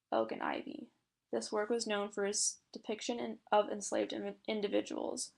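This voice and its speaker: A woman's voice: medium pitch, vocal fry, a bit bright. A young woman reading a class presentation aloud from a script, with small slips and fillers. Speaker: student presenter.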